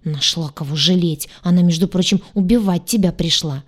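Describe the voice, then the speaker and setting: Woman doing a grumbly, protective demon familiar for a storybook, slightly low. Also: moderate pace, natural voice. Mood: grumbling. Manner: grumbling, hissing.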